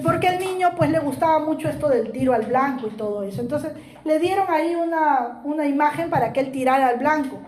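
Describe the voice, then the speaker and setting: A woman's voice: sits high, a little mellow. A woman giving a sermon in Spanish, telling a story expressively before turning it into a lesson for her congregation. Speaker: preacher. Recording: roomy echo.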